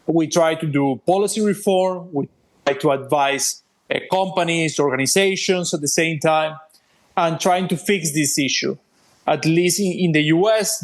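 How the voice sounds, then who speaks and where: A man with a Venezuelan accent, a native Spanish speaker, explaining his work as an interview guest. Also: on the high side. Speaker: interview guest, policy group president.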